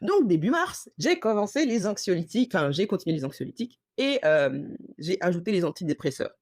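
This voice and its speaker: A woman hosting a casual storytelling podcast, animated and slangy, acting out the dialogue as she tells it. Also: on the low side, fairly quick, no echo, studio quality. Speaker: podcast host.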